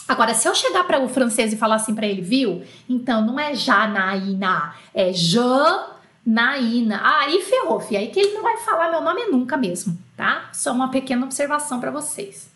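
Bright high-voiced Brazilian woman teaching. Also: big pitch swings, echoey room. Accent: Brazilian Portuguese. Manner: explains patiently, spells letters out slowly, checks in with "tá?". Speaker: French teacher. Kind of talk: online language lesson.

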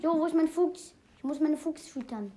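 A woman chatting excitedly while playing a video game, exclaiming often and rambling between facts. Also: sits high, moderate pace, slight background noise. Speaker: game player. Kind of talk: casual gameplay commentary.

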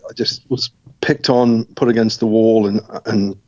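A middle-aged man from Scotland recounts his life story as an interview guest. His voice sits low and stays flat, and he speaks in a measured, reflective way with small restarts. The recording is dry and a little muffled. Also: no echo.

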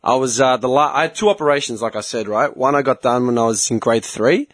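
A man spins a swearing, animated story in a casual chat. His voice sits in a middle register and sounds dry and close, with no room echo. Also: medium pitch, fast talker.

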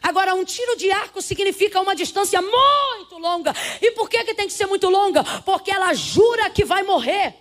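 High-voiced woman preaching with fervor. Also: animated, a little fast, hardly any pauses. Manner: impassioned, swings from soft to shouting, addresses congregation. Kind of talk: sermon.

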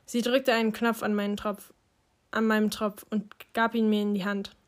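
A woman reading a first-person novel aloud in a quiet, subdued way. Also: medium pitch, level tone, moderate pace. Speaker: audiobook reader.

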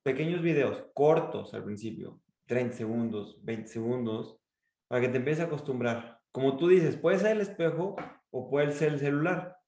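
Mexican coach in an echoey room. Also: male voice, moderate pace. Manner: expressive, demonstrates pitch and emphasis. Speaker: speaking coach. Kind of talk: coaching in a podcast interview.

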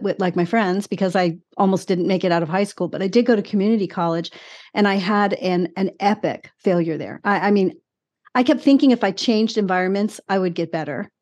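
A woman in her sixties with a medium-pitched voice shares her personal story in an interview. She is candid and emphatic, repeating short phrases to drive points home, in a conversational way. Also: fairly quick, darkish tone. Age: 60s. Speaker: interview guest.

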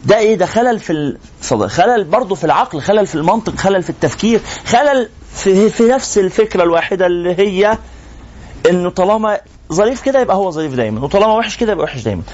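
In a muffled, lo-fi recording from a classroom, an Egyptian sheikh gives a live religious lesson in Egyptian Arabic. His high, darkish voice races along with lively intonation as he fires rhetorical questions at the class.

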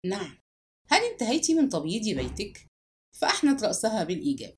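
Lively woman narrating a novel. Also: mid-range voice. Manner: lively, expressive storytelling with voiced dialogue. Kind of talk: scripted audiobook narration.

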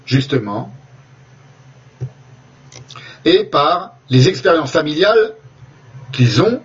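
A man lectures in a husky, slightly breathy voice, working through his points deliberately and often restarting a phrase. The recording sounds dull and lo-fi, missing its highs. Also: recorded from a distance. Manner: deliberate, with frequent restarts and hesitations. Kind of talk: spoken lecture with slides.

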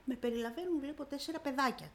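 Appearing as a guest on a radio interview, a woman with a high, somewhat bright voice emotionally retells her own story. She acts out its dialogue vividly, constantly saying "I say, she says."

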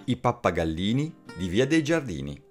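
A man reading a fairy tale aloud as a storyteller, slow and expressive. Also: lowish voice, music in the background. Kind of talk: scripted fairy tale narration.

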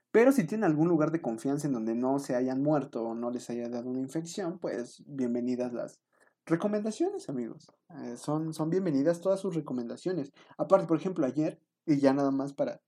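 A man's voice: medium pitch, warm tone. A young man with a Mexican accent telling a rambling, self-mocking story to his viewers, full of fillers. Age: young adult. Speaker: vlogger.

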